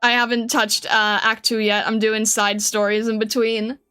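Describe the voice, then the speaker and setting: A woman livestreaming casually while she draws, thinking aloud in a hesitant, rambling way with a bright, high voice. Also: level tone, moderate pace, smooth, soft background music. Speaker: livestreaming artist.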